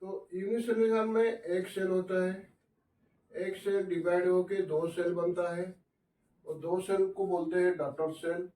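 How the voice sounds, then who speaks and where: Male biology teacher, slow and high-pitched, asks the class and answers himself. Recorded from a distance in a room with echo. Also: steady tone, mellow. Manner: mixes English science terms into Hindi. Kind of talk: classroom lecture at a whiteboard.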